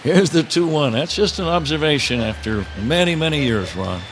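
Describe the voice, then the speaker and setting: An older radio announcer with a slightly high, lively voice talks at normal speed as he calls baseball live from a stadium booth, mixing play-by-play with casual banter while clear ballpark ambience fills the background.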